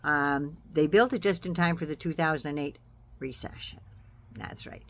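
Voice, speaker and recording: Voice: medium pitch, moderate pace, fairly bright tone, slight background noise. An American host giving casual political commentary in a folksy, sardonic, salty-tongued manner.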